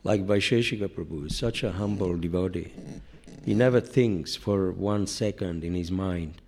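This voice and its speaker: A man's voice: low-pitched, moderate pace, a little mellow, slight background noise. An older man giving an informal spiritual class, rambling through anecdotes with many "you know" asides and self-deprecating humor. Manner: self-deprecating humor, laughs at own jokes. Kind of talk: informal scripture class sermon.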